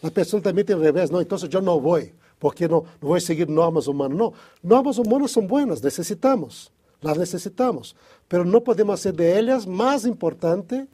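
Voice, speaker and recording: Guy, fairly high for a man, hesitant bible chat, warm and husky. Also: animated, brisk. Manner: hesitant, restarts often, thinks aloud. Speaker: Bible study co-host. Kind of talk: casual religious discussion.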